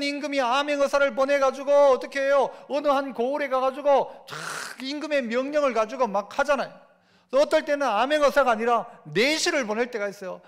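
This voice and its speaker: A male pastor preaches a Sunday sermon, constantly throwing rhetorical questions to his congregation. His voice sits unusually high for a man. It carries through a microphone with a long church reverb. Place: church sanctuary.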